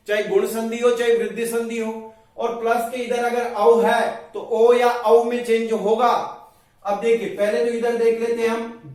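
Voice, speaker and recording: A man with a fairly high voice and a level, flat delivery works slowly through exam grammar step by step, repeating the same phrases. He sounds set back from the microphone in a strongly echoing room. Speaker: Sanskrit grammar teacher. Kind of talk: blackboard-style exam prep lesson. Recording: echoey room, voice from far off.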